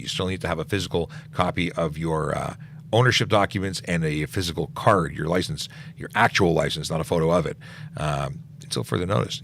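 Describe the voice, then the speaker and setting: A middle-aged police officer with a low, deep, fairly bright voice hosts a casual livestream Q&A. He reads questions aloud and answers them off the cuff, with fillers and restarts, over a faint hiss.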